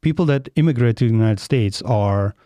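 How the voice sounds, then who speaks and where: A man with a German accent talks casually as a podcast host, wandering through his points with plenty of "you know" and "like." His voice is warm and dark, at a middling pitch. The sound is dry and close, with no room echo. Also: brisk. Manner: rambling, full of "you know" and "like". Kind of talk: casual conversation.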